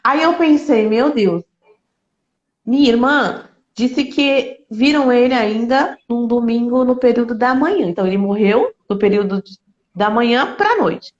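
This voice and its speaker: A woman speaks in a somewhat high voice. She talks earnestly and with feeling, and she often repeats phrases for emphasis. The sound is roomy and a little dull. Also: a little slow. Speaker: speaker sharing a personal grief story. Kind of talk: heartfelt conversational talk.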